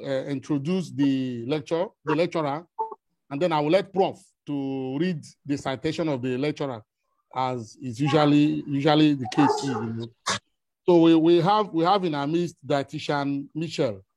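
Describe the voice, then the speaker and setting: A Nigerian man with an Igbo accent hosts an online meeting, giving courteous, halting welcomes. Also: fairly high pitch, darkish tone, no echo. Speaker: host of an online alumni meeting. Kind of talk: informal formal welcome speech. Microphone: online video call.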